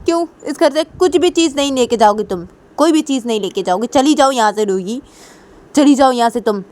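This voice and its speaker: A woman voicing a tearful, angry middle-aged mother who scolds in a shrill, raised voice. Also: animated, a little fast, a little mellow. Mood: furious.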